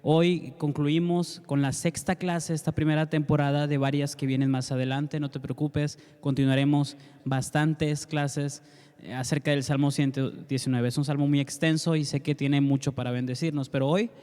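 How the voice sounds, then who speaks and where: A man's voice: fairly high pitch, flat delivery, normal speed, clear, resonant tone. Earnest male Bible teacher, reverberant. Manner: warm earnest teaching, addresses listener directly. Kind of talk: Bible class with prayer. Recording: long reverb.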